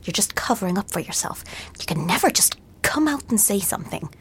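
An actress playing a proud, fragile fairy noblewoman with a breathy voice and a courtly, indignant manner, in an audio drama. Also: mid-range voice, sing-song, a little fast. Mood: indignant, panicked. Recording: music behind the voice.

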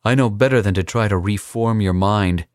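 A man voicing a young captive assassin who is defiant and taunting, in a higher, strained and sneering voice. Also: moderate pace, no echo, clean studio sound, close to an everyday voice.

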